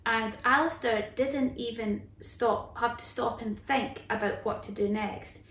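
A woman in her thirties giving an earnest, deliberate motivational school assembly talk, repeating phrases for emphasis. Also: on the high side, fairly even intonation, fairly bright tone. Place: small living room, indoors on a sofa. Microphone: camera a few feet away. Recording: roomy, echoey, distant microphone.

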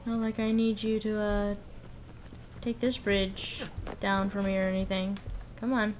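List: woman commenting on her gameplay, slow unhurried talk, casual and joking, faint noise behind. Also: mid-range voice, level tone. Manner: casual, joking, swears freely. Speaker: let's play host.

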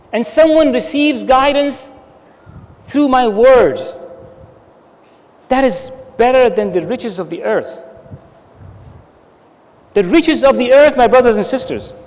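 High-voiced man preaching a sermon. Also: a little mellow, big-room sound. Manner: earnest, emphatic exhortation with hand gestures. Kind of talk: Friday sermon. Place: dark stage with curtain backdrop. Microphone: stand mic at the lectern.

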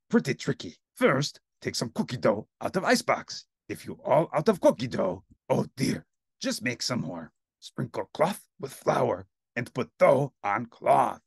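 Gruff greedy storybook monster, super gravelly, talks in broken kiddie grammar, animated. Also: male voice, medium pitch, dry recording, clean studio sound, full character voice. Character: gruff, greedy cookie-loving monster baker.

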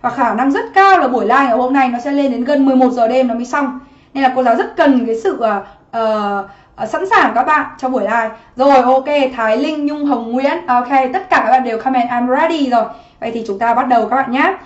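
A woman's voice: sits high, a little fast. A woman teaching a livestream exam-prep lesson from her home office, chatty and constantly asking students to comment. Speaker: English teacher. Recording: muffled roomy livestream audio.

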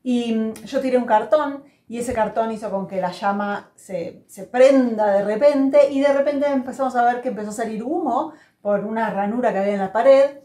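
A woman's voice: on the high side, normal speed, hardly any pauses, mellow. A woman hosting a podcast, chatting earnestly and telling a story from her home. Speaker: podcast host. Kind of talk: casual podcast chat. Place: room at home. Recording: echoey room at home.

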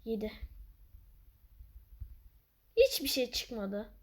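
A woman giving playful, excitable gameplay commentary as she plays, breaking into loud outbursts. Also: fairly high pitch, very slow. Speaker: gaming channel host.

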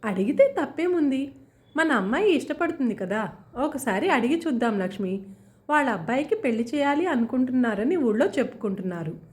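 A woman voicing a gentle middle-aged village father who pleads earnestly and hesitantly. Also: sits high, big pitch swings, brisk. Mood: pleading.

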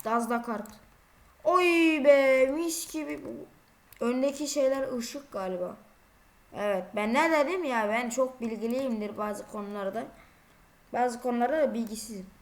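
Woman, high voice, casual gameplay commentary, chatty, exclamatory, scolds other drivers. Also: normal speed, a little mellow. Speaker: gaming video creator.

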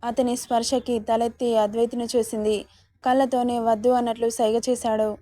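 A woman reads a romance serial aloud in a steady, level delivery. Her voice sits a little high but stays mellow and dark in tone, with almost no rise and fall. The sound is close and dry. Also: fairly quick, no room sound. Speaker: storyteller. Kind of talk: serialized romance story narration.

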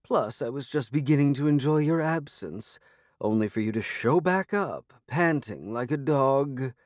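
A man's voice: mid-range voice, animated, measured pace, no room sound, clean studio sound, pitched above the performer's own voice, natural voice. A man voicing a haughty, sarcastic female talking cat with a drawling, disdainful delivery.

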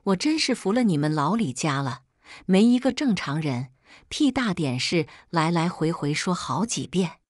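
A woman voicing a spiteful, shrill middle-aged mother with a mocking way of talking. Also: very animated, normal speed, no echo, studio quality. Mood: shrill fury.

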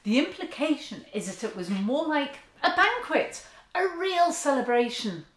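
Lady in her 50s giving a sermon at home, very lively up-and-down voice, roomy echo. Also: high voice, normal speed. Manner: earnest, expressive, with open hand gestures. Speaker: church speaker. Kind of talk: sermon talk to camera. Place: living room, seated on a sofa indoors. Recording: echoey room.

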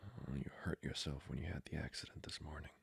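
A male actor plays a flirty, courtly vampire lord hungering for blood in an ASMR roleplay, using an extremely low, gravelly, breathy and whispery voice. He is heavily acted yet steady in tone, formal, slow and seductively polite, with a courteous, flirtatious, intimate mood. There's no echo.

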